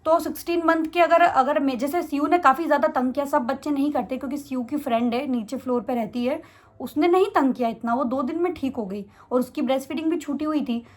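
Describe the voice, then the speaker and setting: Fast-talking young woman vlogger. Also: high voice. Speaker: vlogger answering viewer questions. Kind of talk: casual Q&A chat.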